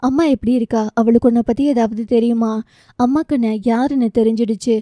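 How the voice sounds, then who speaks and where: A woman's voice: on the high side, steady tone, fairly quick, mellow, no echo, lightly acted. A woman voicing an anxious, guilt-ridden grandmother. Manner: worried, pleading questions.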